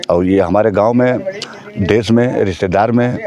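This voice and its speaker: A man's voice: fairly low pitch, normal speed, lo-fi sound, crowd noise. A man in his forties answering questions in a field interview, insistently repeating his denials. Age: 40s.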